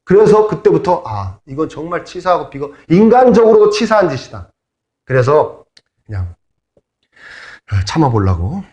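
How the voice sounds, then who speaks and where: A man's voice: a little high, sing-song, moderate pace, pauses often, darkish tone. A middle-aged man preaching as a pastor, in a conversational sermon with humorous asides. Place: church sanctuary. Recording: echoey church hall.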